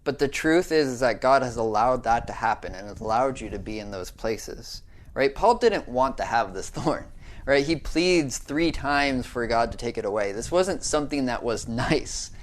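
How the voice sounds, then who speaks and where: Here a young American man's mid-range voice carries lively intonation at a normal pace. He's giving a short, earnest devotional talk in a conversational style, checking in often with "right?"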